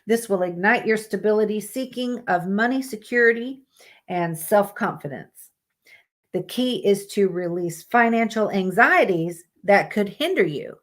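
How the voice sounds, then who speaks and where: A woman's voice: medium pitch, lively intonation, measured pace. A woman streaming live, reading out monthly horoscopes in a casual way and breaking off with blunt, swearing asides. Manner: reads aloud plainly, breaks off with swearing asides.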